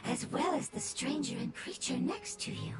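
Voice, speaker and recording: A woman voicing a calm, formal fungus creature in a game, speaking in a precise, machine-like way. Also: high voice, normal speed. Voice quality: soft, precise, robotic manner. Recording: game audio with loud music behind.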